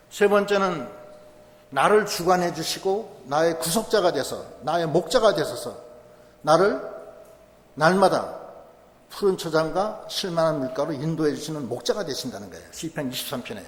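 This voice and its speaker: A man preaches in a church, explaining scripture in a conversational, emphatic way. His voice sits a bit high for a man. The sound is roomy, with a long hall tail. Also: expressive, moderate pace, a little hiss or hum. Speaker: pastor. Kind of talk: sermon. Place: church sanctuary.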